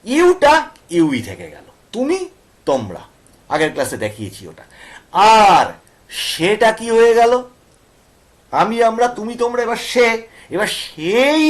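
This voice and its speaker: A male teacher with a Bengali accent, explaining grammar to students and often checking they follow with questions. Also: high voice. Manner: asks students questions and repeats points.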